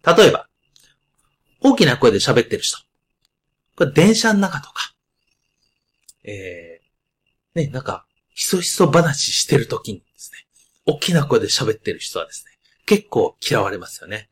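A man hosting a podcast with a loud, carrying voice, explaining ideas in a casual monologue full of asides and fillers. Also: mid-range voice, big pitch swings, a little slow, pauses often, slightly rough. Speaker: podcast host.

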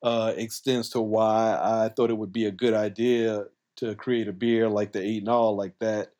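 A man's voice: lowish voice, level tone, normal speed, dark tone. Man, casual and conversational. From coastal South Carolina, US. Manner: conversational, colloquial, frequent "like" and "you know". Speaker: podcast guest, brewer. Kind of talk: casual explanatory interview talk.

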